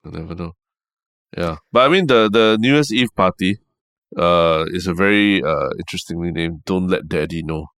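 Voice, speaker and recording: A man's voice: low-pitched, normal speed, a bit bright, clean tone, no room sound. A man with a Singaporean accent chatting casually as co-host of a podcast. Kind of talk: casual chat.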